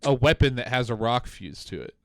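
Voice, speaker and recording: A man co-hosting a casual gaming podcast chat, talking in an animated way, swearing freely and mock-quoting game developers. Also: medium pitch, fairly quick, no room sound. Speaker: podcast co-host.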